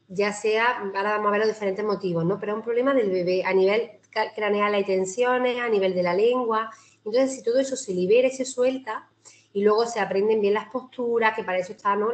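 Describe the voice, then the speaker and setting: A woman physiotherapist with a Spanish accent giving a chatty, informal talk to a breastfeeding group over a video call, with many tag questions and restarts. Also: mid-range voice. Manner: chatty, warm-hearted, frequent "¿no?" tags and restarts.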